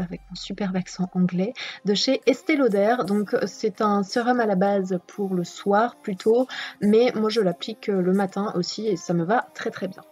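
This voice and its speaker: A woman vlogger narrating her makeup routine in a chatty voice-over, often pausing with fillers. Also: mid-range voice, husky. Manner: chatty, with frequent filler hesitations. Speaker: beauty vlogger. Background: soft background music.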